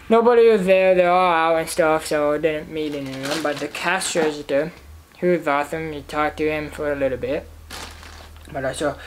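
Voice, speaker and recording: A young man casually showing off fishing tackle he bought, talking in a halting, rambling way with lots of fillers, recorded at home in his living room. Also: fairly high pitch, slight background noise, poor audio. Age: young adult. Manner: rambling, halting, repeats himself with many fillers. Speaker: fishing vlogger. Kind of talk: casual tackle haul show-and-tell.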